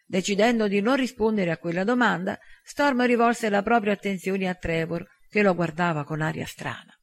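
A man reading an audiobook in an even, measured narration. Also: sits high.

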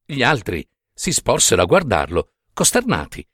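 Brief: male reader, dramatic and animated, slightly higher voice, dry close recording. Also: moderate pace, no room sound. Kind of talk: dramatic story reading.

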